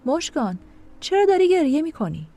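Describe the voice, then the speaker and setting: Woman voicing an earnest young man, gentle former fiancé, audio story, high-pitched, lively delivery. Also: soft background music. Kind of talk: audio drama reading.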